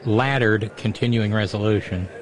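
A man's voice: lowish voice, normal speed, low-quality recording. A man hosting casual live political commentary in a sardonic, mocking manner. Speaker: host of political commentary show.

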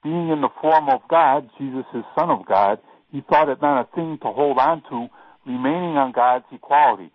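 A male radio caller speaking over a tinny tin-can phone line, quoting scripture and pausing often with "you know". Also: medium pitch, dry recording. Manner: halting, many "you know" fillers. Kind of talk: casual call-in talk, quoting scripture.

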